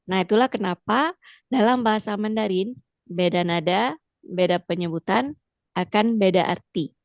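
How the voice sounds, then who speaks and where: A woman teaching Mandarin pronunciation with an Indonesian accent, patiently repeating sounds slowly for practice. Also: medium pitch, dry recording, lo-fi sound. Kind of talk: online language lesson.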